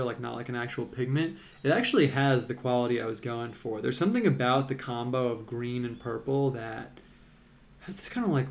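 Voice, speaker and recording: A relaxed man talking through a live painting stream, his voice gravelly with plenty of vocal fry. He rambles in a loose, easygoing way, piling on "like"s as he works. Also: mid-range voice. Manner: rambling, relaxed, many "like"s and fillers. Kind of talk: casual live-stream chat while painting.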